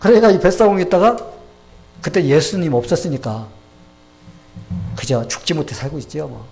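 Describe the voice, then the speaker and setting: A man's voice: fairly high pitch, very animated, brisk, vocal fry, darkish tone. A male pastor preaching a sermon, telling a story and asking the congregation questions.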